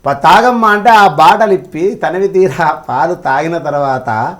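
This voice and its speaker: A man's voice: fairly high pitch, a little slow. A man telling devotional stories in conversation, emphatic, with rhetorical questions and acted-out quotes. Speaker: religious scholar guest.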